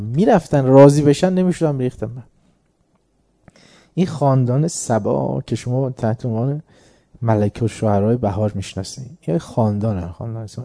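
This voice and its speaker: A man's voice: medium pitch, gravelly, warm tone. A man giving a religious lecture, telling an anecdote in a conversational way and chuckling at his own story.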